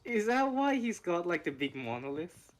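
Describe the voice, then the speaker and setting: A co-player drops wry, offhand remarks while a game is being played. The voice rises and falls in a lively, sing-song way. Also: mid-range voice, normal speed, faint music behind. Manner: wry, dry asides. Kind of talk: casual game commentary.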